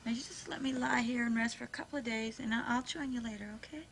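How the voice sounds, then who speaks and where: An actress playing an ailing, dramatic, wheedling wife in a television soap opera. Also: female voice, fairly high pitch, fairly even intonation, fast talker, creaky, a bit bright. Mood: insistent. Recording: faintly noisy 1970s television soundtrack.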